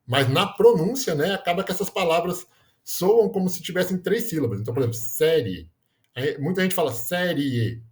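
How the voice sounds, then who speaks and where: A man's voice: high-pitched, animated, fairly quick. A man explaining grammar in a lesson, often checking in with "né?" and correcting himself mid-word. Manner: explanatory, frequent "né?" tags, self-corrections. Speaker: teacher.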